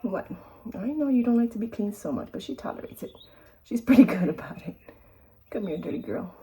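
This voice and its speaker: A woman's voice: on the high side, lively intonation, brisk, dark tone, slight background noise, low-quality recording. A woman hand-feeding a baby bird at home in her kitchen, cooing baby talk to the bird and chatting casually to the camera. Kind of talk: casual home video chat.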